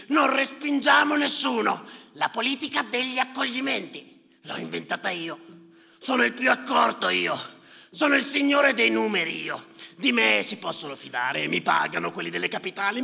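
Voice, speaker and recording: In an echoing theater hall with live music, a male actor delivers a stage monologue as a boastful, bitter island general who has appointed himself to herd dead spirits. His harsh, gravelly voice sits high, pushed, bright and exaggerated. He is declamatory, commanding, emphatic and sardonic.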